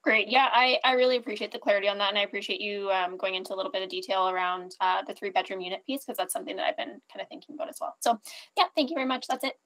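A woman's voice: medium pitch, racing, a bit bright. A woman city councillor politely asking an applicant a question at a public hearing over a video call.

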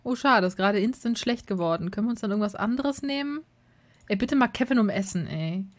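A woman commenting on a game as she plays, chatty and excitable, breaking into exasperated shouts and swearing. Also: medium pitch, fairly quick. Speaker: Let's Play host.

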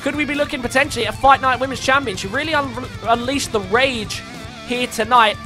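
A man giving excitable play-by-play commentary on a wrestling match, rising to shouts at the big moves. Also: very high voice, fairly quick, over music.

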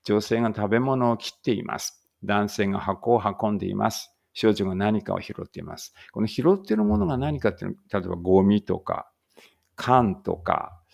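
A man teaching a casual English read-aloud lesson, chatty and correcting himself as he goes, reading English sentences slowly. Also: fairly low pitch, animated, vocal fry, darkish tone.

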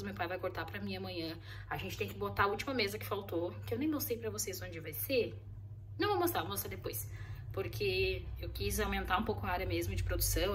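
Fast-talking woman chatting in a vlog. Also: mid-range voice, fairly bright tone, slight background noise. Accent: Brazilian Portuguese. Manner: chatty, rambling, often adds "né?" and "gente". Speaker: vlogger running a custom stationery studio. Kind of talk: casual vlog chat to camera. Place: craft studio.

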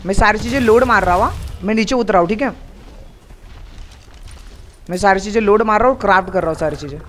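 A young man chatting casually with a teammate while gaming, giving quick directions and repeating his calls. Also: sits high, a bit bright. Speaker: gamer streamer. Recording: faint background noise.

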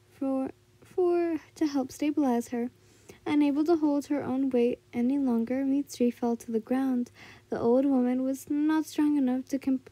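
Amateur female story narrator, high and very mellow, halting delivery with frequent stumbles. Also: dry recording. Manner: halting, stumbles over words and corrects herself.

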